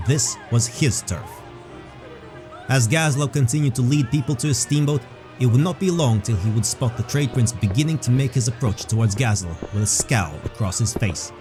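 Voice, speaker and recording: A man with a mellow, dark, mid-pitched voice delivers scripted fantasy narration, unhurried and rich in description like a storyteller. There's faint background music.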